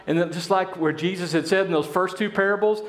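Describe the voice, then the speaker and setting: Animated preaching man, higher voice. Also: a little fast, roomy sound. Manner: animated storytelling, acting out the parable's characters. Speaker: pastor. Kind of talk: sermon. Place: church.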